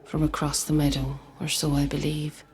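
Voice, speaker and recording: A woman playing a mournful ghostly figure, reciting a folk poem in a slow, wistful, deliberate way. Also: low voice, completely flat delivery, a little mellow, a little hiss or hum. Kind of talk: slow, measured verse recitation.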